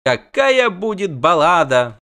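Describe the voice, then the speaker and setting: A man voicing a brash, excitable young male bard in an audiobook, loud and gleeful. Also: normal speed. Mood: awed. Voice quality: high, shouting and gleeful. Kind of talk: audiobook character voice.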